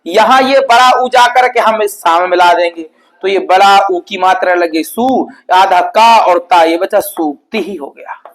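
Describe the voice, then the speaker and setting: A man teaching an exam-prep grammar lesson at a board, explaining patiently and repetitively, sounding out example words slowly and often checking in with his students. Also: high-pitched, a bit bright, low-quality recording. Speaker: Sanskrit teacher.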